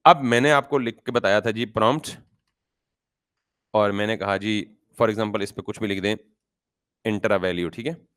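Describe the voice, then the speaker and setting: A male programming teacher with a lowish, smooth, fairly bright voice leads a beginner coding class at a measured pace, pausing often. He uses everyday examples, mixes in English terms, and repeatedly poses questions to students before answering them himself.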